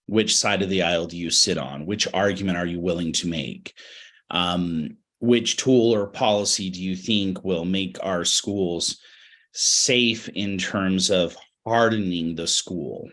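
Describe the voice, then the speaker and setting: A middle-aged man from Utah speaks in a low, slightly raspy voice because he has a cold, though his tone stays fairly bright. He's an education professional appearing as a webinar interview guest, reflecting on his work and picking his words in a measured, halting, earnest way.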